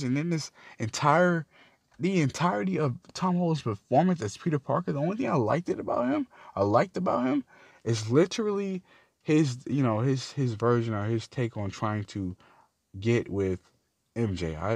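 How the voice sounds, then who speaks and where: A man's voice: creaky, breathy edge, no echo. A young man ranting about a film, swearing often, his voice jumping up when he gets outraged. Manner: heated, swearing, pitch jumps up when outraged. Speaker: video creator. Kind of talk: profane film rant.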